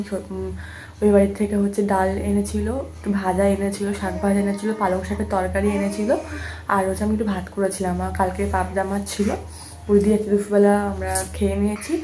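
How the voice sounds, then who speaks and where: A woman's voice: medium pitch, dark tone, slight background noise. A young woman, a mother, talking casually to her viewers in a rambling vlog style, restarting sentences often. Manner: rambling, chatty, with many restarts and fillers. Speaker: mother and lifestyle vlogger.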